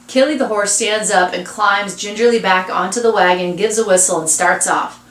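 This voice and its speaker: A woman's voice: medium pitch, moderate pace, a bit bright. A woman reading a children's novel aloud, adding chatty asides to listeners. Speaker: reader. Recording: roomy echo.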